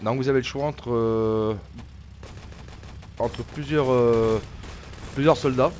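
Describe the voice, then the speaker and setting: Male gameplay narrator, mid pitch, halting delivery with fillers, faint noise behind. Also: fairly even intonation, a little mellow. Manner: hesitant, many fillers and repeated words. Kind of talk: casual gameplay commentary.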